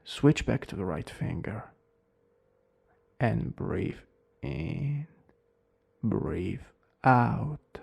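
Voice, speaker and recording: Man playing a gravelly Italian-accented plague doctor. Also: fairly low pitch, lively intonation, darkish tone, exaggerated voice. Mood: calm, instructing. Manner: formal, clinical, deliberate. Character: cold, eerily polite male plague doctor. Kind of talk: doctor role-play.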